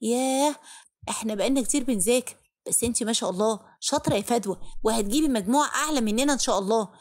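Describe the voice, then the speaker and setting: A woman doing a gentle Egyptian big sister. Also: fairly high pitch, racing, lightly acted. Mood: reassuring. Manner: gentle, reassuring. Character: kind encouraging older sister.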